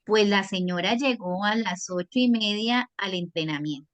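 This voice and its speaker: A woman's voice: medium pitch, moderate pace. A woman psychologist giving an online workshop, explaining patiently and asking her audience questions. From Colombia.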